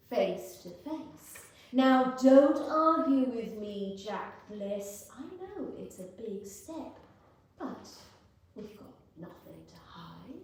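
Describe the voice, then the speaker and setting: A woman playing a sweetly insistent, sentimental heiress in a staged rehearsed reading, speaking deliberately. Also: sits high, darkish tone, a little hiss or hum, full character voice. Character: sweetly insistent heiress donating a fortune to donkeys. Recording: very echoey room, distant microphone.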